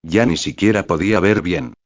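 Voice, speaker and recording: A man narrating a fan-fiction novel in the first person, in a steady read-aloud manner. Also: low voice, moderate pace, dry recording. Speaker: novel reader. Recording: dry, slightly dull recording.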